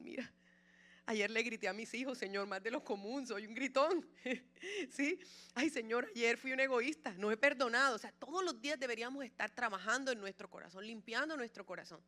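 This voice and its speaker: A middle-aged woman pastor preaching a lively sermon, often calling on the congregation to answer and repeat after her. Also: a little high. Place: church sanctuary.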